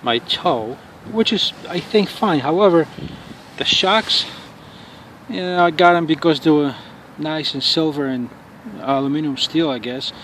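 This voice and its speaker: Man, casual outdoor vlogger, irritated profane rant, halting speech, street noise behind. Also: a little high, fairly bright tone. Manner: angry, profane ranting with halting restarts. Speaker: RC car hobbyist reviewer. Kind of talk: casual outdoor review vlog. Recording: noisy outdoor street recording.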